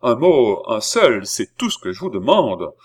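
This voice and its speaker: A man's voice: mid-range voice, big pitch swings, unhurried, slightly rough. A man reading an audiobook, voicing a desperate young nobleman who pleads in impassioned bursts. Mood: pleading. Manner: impassioned, sobbing pleas.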